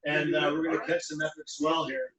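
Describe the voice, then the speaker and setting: A man's voice: on the high side, completely flat delivery, brisk, muffled recording, a crowd in the background. Rambling man, distant and echoey. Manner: loose, rambling, many fillers. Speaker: host of a charity video call. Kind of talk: casual closing remarks on a video call. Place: outdoors near the water.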